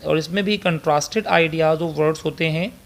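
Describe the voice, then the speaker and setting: Moving between Urdu and English, a Pakistani-accented man presents slides about figures of speech. His delivery is slow and halting, full of filler pauses, and his slightly high voice carries some vocal fry.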